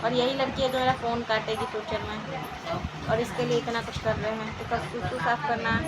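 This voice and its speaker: A woman's voice: fairly high pitch, level tone, brisk. A young woman vlogging at home in casual chat, teasing and playful. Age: young adult. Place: home, indoors. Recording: home recording with clear background noise.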